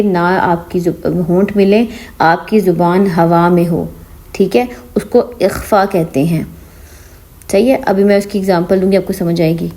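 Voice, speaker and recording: Her voice is on the low side and dark in tone as she gives an online Quran reading lesson. Blending English into Urdu, she pauses after every point to confirm the learner is following.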